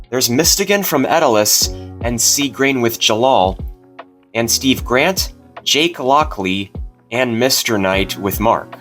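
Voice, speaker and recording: A man with a mid-pitched voice delivers casual scripted commentary as a video host. Faint music plays behind him. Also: a bit bright.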